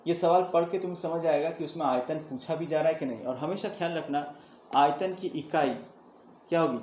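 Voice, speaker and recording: A male teacher with a somewhat high voice works through a math lesson step by step, putting questions to his students and answering them himself. He sounds recorded from a distance in an echoey room. The sound is dull and lo-fi with a faint hiss behind it. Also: a little fast, a little mellow. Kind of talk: classroom math lesson at a board.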